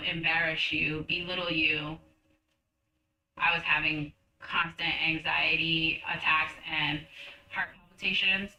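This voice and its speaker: A woman's voice: lowish voice, bright, forceful tone, roomy sound, recorded from a distance, low-quality recording. A woman, a former personal chef, telling her story in a documentary interview in a candid, reflective way.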